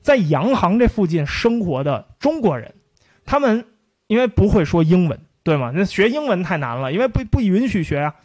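A man with a high, bouncy voice gives a relaxed history talk and hams up odd pronunciations as he goes. The sound is close and dry, with no room around it. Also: moderate pace, no echo. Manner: lively storytelling with playful mock pronunciations. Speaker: history lecturer. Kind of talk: casual spoken history lecture.

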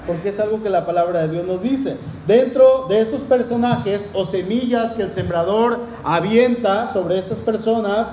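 A man's voice: high voice, warm tone, slight background noise. A man preaching a sermon, earnest and full of rhetorical questions to the congregation. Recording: roomy echoing hall.

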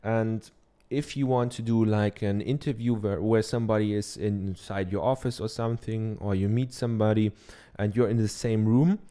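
Speaking at normal speed with fairly even intonation, a German man with a lowish, dark, smooth voice records a podcast in his treated home office. He gives a loose, chatty how-to talk into a dynamic studio microphone, full of ums and tag questions.

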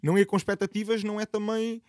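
A young man chats, with a slightly high voice. His talk is casual and rambling, full of slang and swearing. The sound is very dry, with no room around it. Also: level tone, quick pace, darkish tone, dry recording. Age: young adult. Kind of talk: casual chat.

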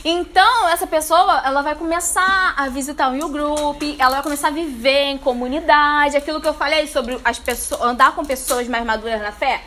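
Bright, high-voiced woman pastor preaching. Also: moderate pace, hardly any pauses, slight background noise. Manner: lively, playful, talks straight to the audience. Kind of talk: sermon at a church leadership meeting. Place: church meeting room with a live audience.

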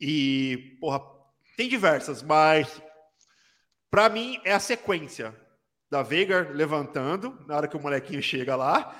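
A man's voice: a little high, expressive, measured pace, a bit bright. A Brazilian man chatting casually and jokingly about a TV series, full of slang. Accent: Brazilian Portuguese. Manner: jokey, laughs while talking, slangy.

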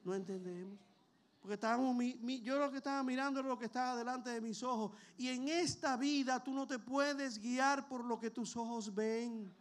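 A man's voice: extremely high pitch, normal speed. A man preaches a sermon. He talks in a conversational, storytelling way, tossing rhetorical questions at the congregation.

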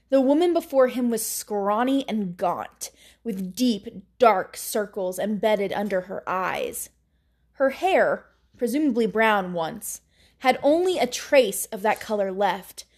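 Woman reading her story calmly. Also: on the high side. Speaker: author and storyteller. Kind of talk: scripted narration.

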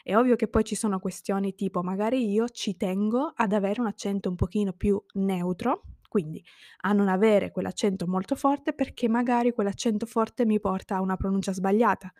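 A woman's voice: medium pitch, steady tone, a little fast, mellow, no room sound. Earnest Sicilian-born woman, dry sound. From Sicily, Italy. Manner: earnest, reflective, thinking aloud. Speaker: vlogger. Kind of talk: personal monologue.

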